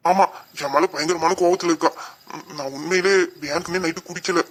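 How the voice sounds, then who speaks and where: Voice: mid-range voice, steady tone, fairly quick, natural voice. A performer playing a remorseful, loving young uncle in an audio drama, speaking tenderly and apologetically.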